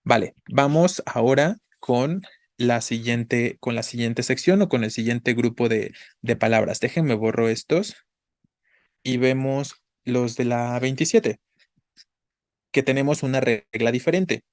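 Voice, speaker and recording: A man's voice: medium pitch, dry recording. Patient male Spanish teacher, dry sound. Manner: patient, checks in with frequent "¿no?" and "¿vale?"; spells out syllables slowly. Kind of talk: online grammar class.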